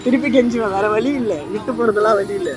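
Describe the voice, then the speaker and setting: A man's voice: sits high, steady tone, fast talker, music in the background. A young man answering street interview questions outdoors, earnest and rambling, a little defensive.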